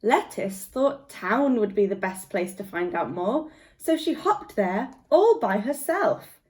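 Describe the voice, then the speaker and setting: A guest reader takes her time over a picture book for young children, her mid-range voice carrying an expressive storytelling quality.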